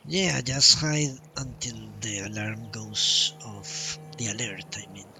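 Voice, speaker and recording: A man live streaming a game thinks aloud casually, muttering to himself as he reads through menus. His lowish voice is slow but bright and forceful. Clear video game music plays behind him, with slight background noise.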